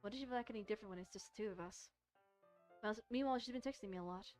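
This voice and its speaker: A woman streamer with a medium-pitched voice reads a visual novel aloud and comments on it, speaking haltingly and often repeating and rereading phrases. Soft music plays in the background.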